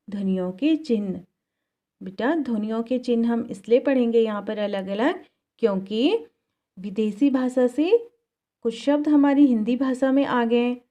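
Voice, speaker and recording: A woman's voice: on the high side, warm tone, muffled recording. A woman teacher giving a recorded Hindi lesson to young children. She asks questions and answers them herself, and she draws out each example word. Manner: drawn-out, exaggerated pronunciation of example words. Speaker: school teacher.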